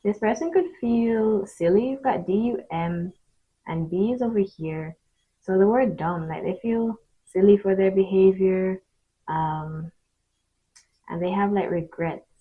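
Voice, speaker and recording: Woman, mystical tarot card reading, husky voice, halting short phrases addressed to viewer, dull lo-fi recording. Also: mid-range voice.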